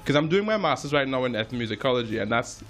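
A man's voice: mid-range voice, very animated, rapid-fire, fairly bright tone, soft background music. A young man from Trinidad and Tobago, a jazz musician, talking as a guest in an interview in a friendly way, with many restarts.

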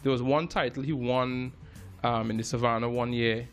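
A man from Trinidad and Tobago, with the to match, talks through his story in a relaxed interview. He pauses and restarts often, repeating small words as he gathers his thoughts. His voice sits in an ordinary middle range, with faint music underneath. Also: mid-range voice. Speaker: jazz musician guest. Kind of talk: casual interview chat.

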